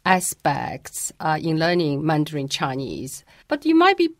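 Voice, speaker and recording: Woman language teacher, unhurried and lowish, careful explainer, dry close sound. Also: huge pitch swings, no room sound. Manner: patient, careful, demonstrates pronunciations. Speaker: Mandarin teacher. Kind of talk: explanatory interview answers.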